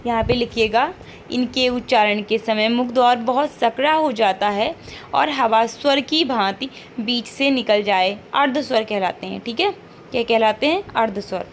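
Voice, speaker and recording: A woman's voice: on the high side, normal speed, a little hiss or hum. A woman teacher giving an online lesson, patiently repeating each point, modeling sounds aloud and checking in with frequent questions.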